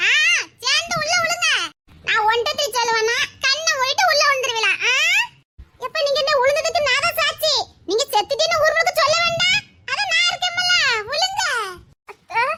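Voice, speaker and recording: A woman's voice: very high-pitched, expressive, a little fast, very noisy. A woman voicing a sarcastic older sister figure in a drama, speaking with a Tirunelveli Tamil accent and jeering in a mocking tone.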